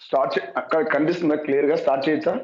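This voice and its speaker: A man rattles along at high speed on a phone video call, his voice slightly raised in pitch. He keeps asking whether he can be heard while he adjusts his camera. The sound is echoey and dull, like lo-fi call audio. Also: fairly even intonation. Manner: quick, asks repeatedly whether he can be heard. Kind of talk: casual call about camera and mic setup.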